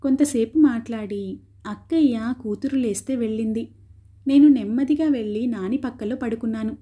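A woman reading a story aloud as an audiobook, steady and expressive, softly voicing the characters' dialogue. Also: fairly high pitch, normal speed, slightly rough.

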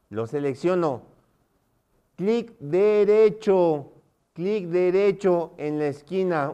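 A man's voice: fairly high pitch, a little mellow, clear, resonant tone. A man teaching a live online class, often stopping to check that his students are following.

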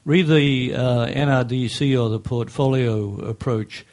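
An older man speaking at a desk microphone in a meeting room, giving a measured, technical public comment with frequent pauses and fillers. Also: medium pitch, fairly even intonation, darkish tone. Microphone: desk microphone on a stand.

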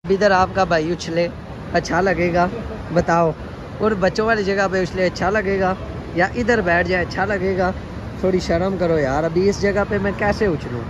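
Talking to his viewers in a casual, playful way, this man in his 20s, a travel vlogger, keeps repeating slangy phrases. His voice sits high, with fairly even intonation, a moderate pace and dull audio. Shot on a phone held at arm's length in a car, a parking garage and a busy indoor mall, the clip is noisy with loud ambient noise.

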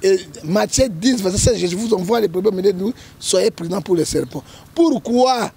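Congolese prophet guy ranting emphatically, really high voice, husky. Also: expressive, normal speed, warm tone. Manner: emphatic, keeps checking with "hein?", quotes scripture. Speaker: prophet guest. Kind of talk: political commentary in an interview.

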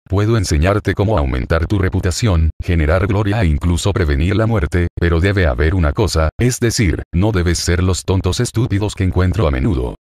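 A cold, stern middle-aged potions professor, read by a man in a deep, low voice. He speaks slowly and flatly, with a chill in every word. The sound is close and dry, as in a synthetic audiobook. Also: no echo, lightly acted. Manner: slow, cold, flat delivery.

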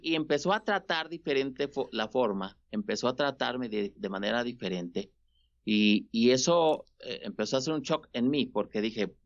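A man, a radio guest telling his personal testimony in animated, laughing bursts. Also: medium pitch. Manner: animated storytelling with frequent laughs and restarts. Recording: dull lo-fi sound.

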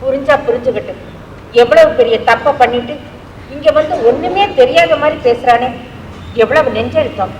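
A woman's voice: sits high, normal speed, a little mellow, close to an everyday voice. An actress playing a stern mother on stage, reproachful and indignant. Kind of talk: 1970s Tamil stage play acting. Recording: echoey hall, faint noise, heard from far.

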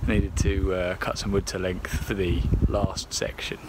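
Young guy vlogging in his back garden, lowish voice, dry self-mocking jokes, phone at arm's length, outdoor noise behind. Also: little pitch movement, a little slow. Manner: wry, self-deprecating. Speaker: home brewing vlogger. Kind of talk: casual vlog narration. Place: outdoors in a back garden and inside a wooden cabin. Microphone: phone camera at arm's length.

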